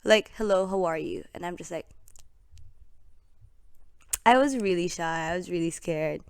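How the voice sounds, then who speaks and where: Guesting on a podcast, a young woman from the Philippines speaks with a Filipino accent in a fairly low, creaky yet smooth voice, a little slow. She tells stories in relaxed conversation, giggling a lot, lively in delivery and leaning on "literally" and "like".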